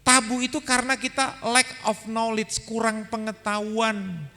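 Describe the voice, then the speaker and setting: A male pastor giving a humorous sermon at a seminar, telling animated stories and speaking straight to the audience in a large hall. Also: high-pitched, a little slow. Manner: animated storyteller, addresses audience directly. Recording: echoey hall with faint music.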